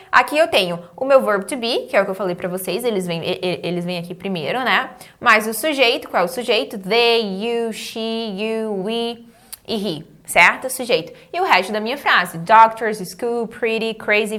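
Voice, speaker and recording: A woman with a Brazilian Portuguese accent teaching an online English lesson, saying example phrases slowly and prompting students to repeat them. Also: fairly high pitch, a bit bright. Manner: encouraging, checks understanding with "tá?" and "certo?".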